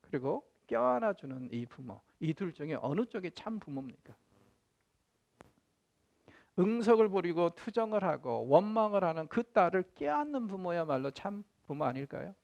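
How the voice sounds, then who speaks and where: Lively, animated male theology lecturer. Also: high voice, normal speed, gravelly, no room sound. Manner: animated, conversational, acts out quotes. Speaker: professor.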